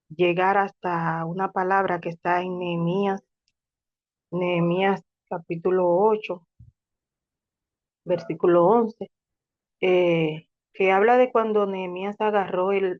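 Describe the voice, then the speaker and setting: A woman's voice: lowish voice, narrow, tinny audio. A woman sharing a personal faith testimony in an earnest, reflective way, sometimes restarting her words. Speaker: testimony speaker.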